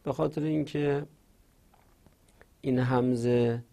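A man's voice: mid-range voice, steady tone, vocal fry, dark tone. A man giving a spoken grammar lesson, patiently repeating example words and explaining them step by step. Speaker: teacher.

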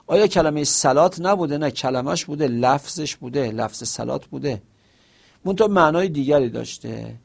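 A man gives a seminary lesson in a gravelly, raspy voice that sits a little high for a man. He explains point by point, answers his own questions and drops in short Arabic phrases. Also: lively intonation, a little mellow. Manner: explains with examples and asks himself questions; quotes Arabic phrases within Persian speech. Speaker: teacher.

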